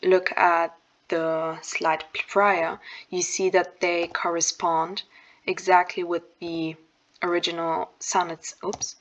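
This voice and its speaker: A young woman giving a casual lesson on verse, pausing on fillers and correcting herself as she goes. Her voice sits on the lower side, and her intonation barely rises or falls. She sounds like a student sharing her own study method. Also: flat delivery, rough recording. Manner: thinking aloud, with frequent fillers and self-corrections. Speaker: student explaining a poem. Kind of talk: casual explanatory lesson over slides.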